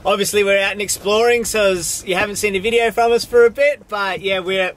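A man's voice: sits high, fairly even intonation, a little fast, a bit bright. A young man, chatting enthusiastically to camera in slangy terms from a sailboat cockpit. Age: young adult. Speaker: vlog co-host. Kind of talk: casual chat to camera. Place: cockpit of a sailboat under a canopy, outdoors.

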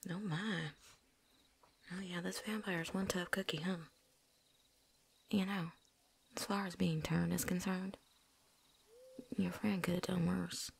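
Woman doing a gravelly drawling vampire hunter. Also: on the low side, fairly even intonation, slow, long pauses, a little hiss or hum. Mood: chatty, wry. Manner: put-on drawling accent, casual slang; chatty, talks with something in mouth. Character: tough folksy veteran vampire hunter, chatty. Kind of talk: whispered role-play.

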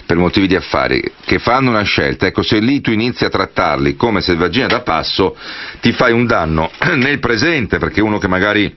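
A man's voice: deep voice, expressive, brisk. A male radio host putting long, winding questions with many asides to a guest. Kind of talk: radio interview. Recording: dull lo-fi radio broadcast.

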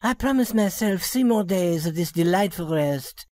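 A woman voicing a young working woman who poses as a rich lady in a storybook reading, speaking softly and politely. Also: fairly low pitch, animated, normal speed, no room sound, studio quality, natural voice. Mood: refined. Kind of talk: storybook reading for English learners.

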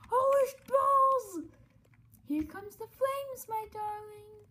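A woman's voice: very high voice, sing-song, moderate pace, a little hiss or hum, voice pushed up. A woman voicing a flamboyant, theatrical male robot TV star in a game playthrough, with a showy sing-song delivery. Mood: gloating.

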